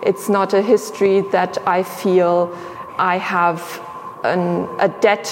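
A young woman curator talks in a measured, thoughtful way, with frequent pauses and a gravelly edge to her voice. She speaks inside a large exhibition hall, and her words trail off into a long reverb. A faint hum of ambience sits behind her. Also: fairly low pitch, little pitch movement. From grew up in Sierra Leone and Tanzania. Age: young adult. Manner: reflective, measured, many fillers and pauses. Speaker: museum curator, guest. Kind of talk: thoughtful interview conversation. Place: exhibition space indoors.

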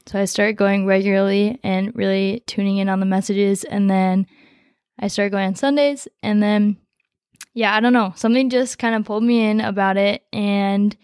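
A teenage girl, a high school senior who grew up in the United States, tells her story in a relaxed, rambling way with many fillers as a podcast guest. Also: normal speed, clear, resonant tone, no echo, clean studio sound. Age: teens. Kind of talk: casual conversation, personal story.

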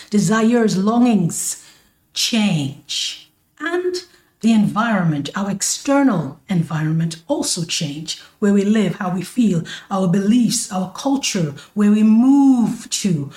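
Woman coach doing a slow motivational podcast, calls everyone my loves, laughs a lot, echoey room. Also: medium pitch, darkish tone. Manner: affectionate, calls listeners "my loves" and "baby"; laughs often, drawn-out emphatic phrasing. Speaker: life coach and podcast host.

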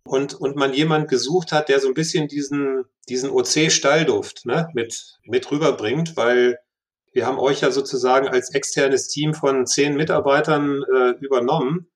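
A man's voice: medium pitch, steady tone, normal speed. A man, a sales director, answering questions in a business interview, often restarting and repeating words as he thinks.

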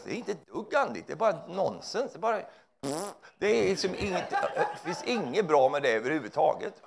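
A male preacher with a deeply gravelly, creaky voice delivers an animated, humorous sermon. His pitch sits a little high and leaps all over as he jokes. He keeps tossing quick tag questions at the congregation. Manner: animated, joking, tags lines with "va?".

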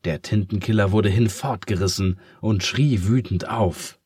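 A man calmly reading a children's story aloud as narrator. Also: low-pitched, a little slow, breathy edge, no echo, studio quality.

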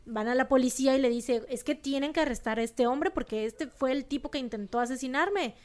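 A young woman from Monterrey with a northern Mexican accent co-hosts a podcast, recounting a true crime story in slangy, emphatic, casual fashion with animated outbursts. Her voice sits high and her delivery is brisk.

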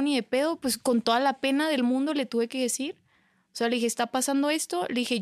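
A woman's voice: on the high side, vocal fry, no echo, clean studio sound. A woman from Mexico with a Mexican Spanish accent, a podcast guest candidly recounting her story in casual chat, dropping "you know" and "I mean" often. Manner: candid, peppers her story with "¿sabes?" and "o sea".

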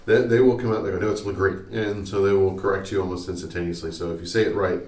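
A very deep-voiced man talks in a loose, rambling way, explaining local history as a podcast co-host. He sounds set back from the mic in an echoey small room, with faint noise under him. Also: fast, darkish tone, far from the mic. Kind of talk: casual chat.

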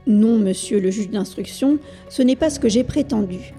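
A woman voicing a self-assured young male reporter who calmly explains his reasoning, in an audiobook reading. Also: mid-range voice, normal speed, soft background music, natural voice.

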